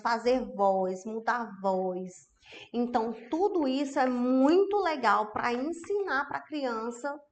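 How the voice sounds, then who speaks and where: A woman, an educational psychologist giving an online masterclass, chatty and often checking in with her audience. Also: on the high side. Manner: chatty, tag questions to the audience.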